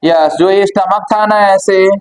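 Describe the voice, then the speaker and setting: High-voiced teacher quizzing his class. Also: fairly even intonation, measured pace, noisy background. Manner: asks questions and answers them himself, calls students brother. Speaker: biology teacher. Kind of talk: classroom lecture.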